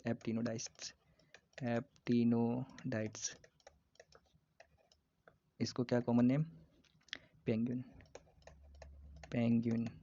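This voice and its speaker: A man teaching biology for an exam, repeating terms slowly and joking with his students. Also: mid-range voice, warm tone. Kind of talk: casual exam-prep lesson. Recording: dull lo-fi recording.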